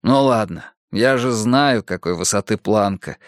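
A man voicing a shaken, apologetic doctor in an audiobook, soft and mumbling. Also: lowish voice, lively intonation, a little slow, dry recording, clean studio sound. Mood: gentle. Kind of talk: audiobook character voice.

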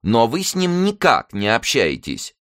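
A man's voice: mid-range voice, huge pitch swings, measured pace, fairly bright tone, no echo, studio quality, voice pushed up. A man reading an audiobook, voicing a fussy, effeminate middle-aged shopkeeper in an affected manner. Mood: prying.

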